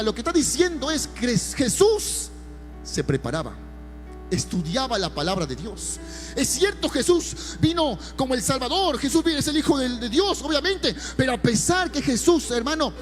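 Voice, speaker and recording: A man preaching a sermon as pastor, calling listeners brother and building emphasis. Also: extremely high pitch.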